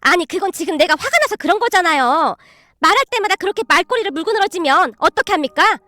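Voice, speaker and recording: A woman voicing a shrill, defensive middle-aged mother in a storybook tale, with whiny shouting. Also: lively intonation, fast talker, dry recording, full character voice. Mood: indignant.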